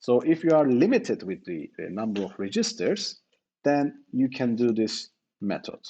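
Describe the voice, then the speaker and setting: A man in middle age delivers a university lecture at an unhurried pace, his pitch rising and falling in a lively way. He explains each step carefully, with pauses, fillers and quick self-corrections. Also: slightly rough, dull audio.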